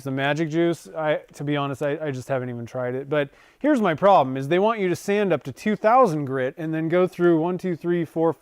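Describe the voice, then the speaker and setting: A man's voice: fairly high pitch, smooth, dry recording. A man in his forties hosting a casual livestream from his workshop, rambling with frequent self-corrections and chuckles. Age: 40s. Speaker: livestream host. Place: home workshop.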